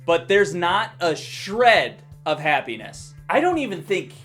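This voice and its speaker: Wry man reviewing a movie, somewhat high voice. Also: very animated, a little slow, a bit bright, faint music behind. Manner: wry, joking, casually profane. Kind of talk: casual movie review vlog.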